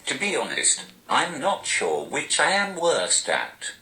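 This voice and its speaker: A man's voice: medium pitch, huge pitch swings, takes it slowly, pushed and bright, roomy sound, rough recording. A man, a stand-up comedian, answering interview questions through a text-to-speech device whose voice sounds posh and robotic, with a dry, self-mocking delivery. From Newcastle, England.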